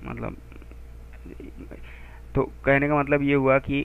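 Male tutor, gravelly voice, halting chalk-and-talk explanation, phone-quality sound. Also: medium pitch, huge pitch swings. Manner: explains in chatty Hindi, reading English textbook lines slowly; halting, many fillers and restarts while working sums aloud. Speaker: physics teacher. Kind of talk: textbook explanation lesson. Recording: tinny phone-like lo-fi recording.

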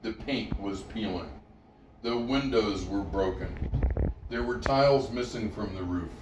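An older man with an unhurried, grandfatherly voice reading a children's storybook aloud, pausing between phrases. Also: on the low side. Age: 60s or older. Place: living room at home, indoors. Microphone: camera several feet away. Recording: roomy, distant camera mic, faint noise.

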